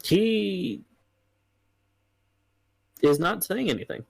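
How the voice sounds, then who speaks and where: Slow, hesitant man narrating a tabletop game. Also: high-pitched, very animated, vocal fry, slightly rough, no echo, rough recording. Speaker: game master.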